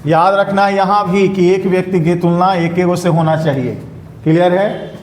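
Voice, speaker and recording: A fairly high-voiced male teacher lectures a classroom in a mellow tone. He drills his students, asking again and again whether each point is clear. The recording is roomy and echoey. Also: steady tone, moderate pace, a little hiss or hum. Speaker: English teacher. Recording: echoey classroom room sound.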